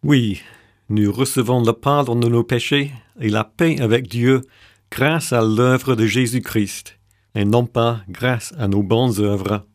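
A man hosting a Bible reflection show, reading his scripted narration in a measured, composed way. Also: medium pitch, no echo, clean studio sound. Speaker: radio show host.

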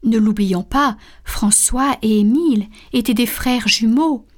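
A woman reads a story aloud in a calm, deliberate way. Her voice sits a touch high and she takes her time, at moments slipping into a soft, breathy near-whisper. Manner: calm, deliberate, some soft unvoiced passages. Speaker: narrator. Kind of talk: storybook reading.

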